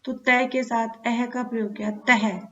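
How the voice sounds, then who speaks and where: A woman teaching a children's grammar lesson, spelling out words slowly sound by sound. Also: on the high side, steady tone. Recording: dull lo-fi sound.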